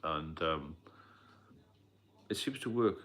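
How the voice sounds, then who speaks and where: Middle-aged British livestream host, deep low voice, loose rambling delivery with fillers. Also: male voice, animated, slow pace, fairly bright tone. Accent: British English. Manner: rambling, repetitive, frequent fillers and coughs. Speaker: livestream host, sobriety mentor. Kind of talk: casual live stream talk.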